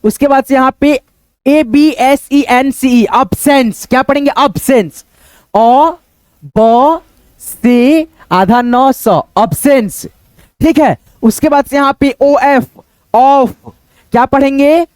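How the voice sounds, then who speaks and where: Patient woman teacher spelling words slowly. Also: high voice, darkish tone, no echo, clean studio sound. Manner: spells letters out, then repeats each word slowly; patient, repetitive, asks and answers own questions. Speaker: English teacher. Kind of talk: beginner reading lesson.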